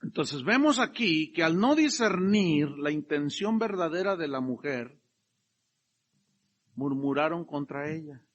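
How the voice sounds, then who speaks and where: Middle-aged male pastor, high and bright, very animated delivery. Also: unhurried, highs cut off. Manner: animated, emphatic, acts out quotes. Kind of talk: sermon.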